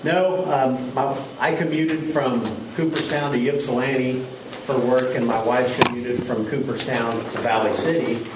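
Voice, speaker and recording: A middle-aged man speaks with an Appalachian accent as he casually introduces himself to a group. His pitch is average, and he sounds away from the mic in an echoey room with clear background noise. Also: fairly even intonation, unhurried, distant mic. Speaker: new highway department operator. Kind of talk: casual self-introduction at a meeting.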